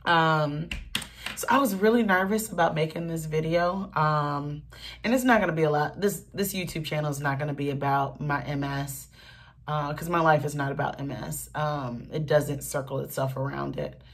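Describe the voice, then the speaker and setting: A young woman talking earnestly in a casual get-ready-with-me vlog, with many pauses and fillers. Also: sits low, fairly even intonation. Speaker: vlogger.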